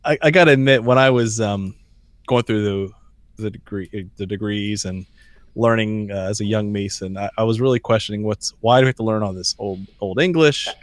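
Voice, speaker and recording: A man speaking thoughtfully on a podcast panel, recounting a story in a measured way with some fillers. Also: lowish voice, dry recording. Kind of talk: conversational podcast discussion.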